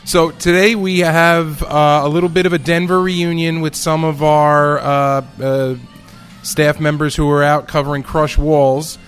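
A man's voice: a little high, little pitch movement, measured pace, a bit bright, clean tone, faint music behind. A man with a New York accent hosting a podcast with playful, chatty, theatrical banter. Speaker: podcast host.

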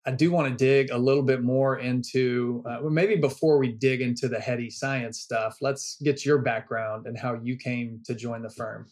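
A man's voice: mid-range voice, steady tone, moderate pace, hardly any pauses, darkish tone. Male podcast host with a mid-range voice, friendly and conversational. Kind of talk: casual podcast interview.

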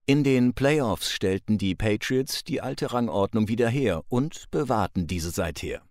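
A man giving scripted documentary narration in a measured, dramatic way, with dry studio sound. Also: on the low side, expressive, a little mellow, dry recording. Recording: dry close studio voice-over.

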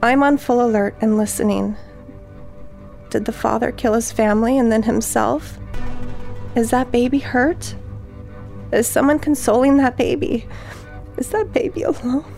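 A woman reading aloud from her journal in a halting, hushed, shaken way, then talking about it in her home. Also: fairly high pitch, creaky. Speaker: eyewitness interviewee. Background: music.

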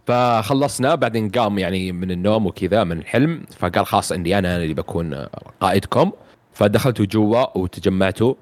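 A man's voice: on the low side, fast. A man recapping a video game plot in casual chat, rambling with many fillers and restarts.

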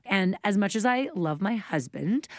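A woman's voice: medium pitch, lively intonation, moderate pace, no room sound, studio quality. A woman in her late thirties co-hosting a podcast, talking candidly in a casual chat and laughing often. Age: late 30s. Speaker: podcast co-host.

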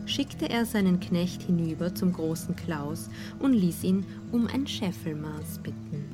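A woman narrating a fairy tale in a calm, measured storytelling manner. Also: on the low side, music in the background.

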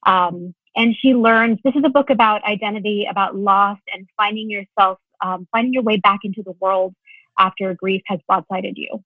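A woman's voice: mid-range voice, fairly even intonation, normal speed, no room sound, phone-quality sound. A woman from the United States, an author talking chattily on a panel. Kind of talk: casual panel discussion.

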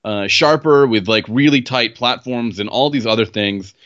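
A man's voice: medium pitch, moderate pace, fairly bright tone. Man, podcast co-host, casual questions, slightly muffled audio. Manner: conversational, asks questions, searches for words.

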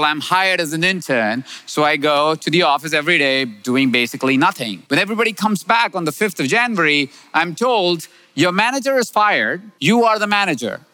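A man from India in his thirties, a business coach telling a personal story with lively acted-out dialogue and frequent laughter. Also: a little high, a little hiss or hum. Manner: animated storyteller, acts out quoted dialogue, laughs often. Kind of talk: storytelling in a podcast talk.

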